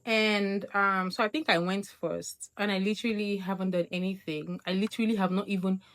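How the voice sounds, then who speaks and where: A young woman vlogger from Nigeria telling a casual storytime monologue, acting out quoted lines with big jumps in her voice. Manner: animated, acts out quotes with big pitch jumps.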